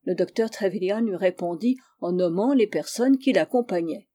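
A woman reading a story aloud as narrator, in a steady, even storytelling manner. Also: medium pitch, normal speed. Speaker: audiobook reader. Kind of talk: scripted narration.

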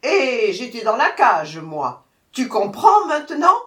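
A woman voicing a fierce, impatient male tiger in a storybook tale, loud, growling and bossy. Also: medium pitch, very animated, takes it slowly. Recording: echoey room, voice from far off.

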